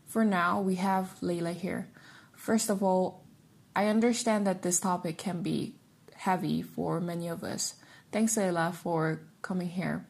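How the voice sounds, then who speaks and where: Young woman host, kinda husky, reading her intro slow and careful. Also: on the low side, fairly even intonation, a little mellow. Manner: measured, reads prepared lines. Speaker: podcast host. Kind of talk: scripted introduction and interview questions.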